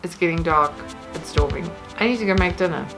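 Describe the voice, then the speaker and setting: A woman's voice: fairly low pitch, a little fast, over music. A woman vlogger chatting casually to camera from her bedroom at home, rambling in a self-deprecating way.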